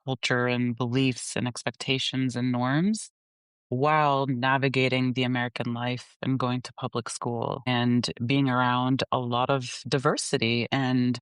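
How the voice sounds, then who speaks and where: A woman guest who grew up in the Gulf, Pakistan and the US, talking candidly and reflectively in an interview, laughing softly between thoughts. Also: rumbling low, level tone, clear, resonant tone, no echo. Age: adult. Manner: reflective, unhurried, laughs softly mid-sentence.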